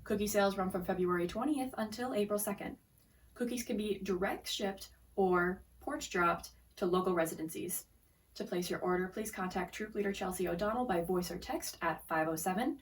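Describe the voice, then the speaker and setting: A woman's voice: medium pitch, normal speed. An American woman reading scripted community announcements as a presenter. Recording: distant mic, clearly noisy room sound.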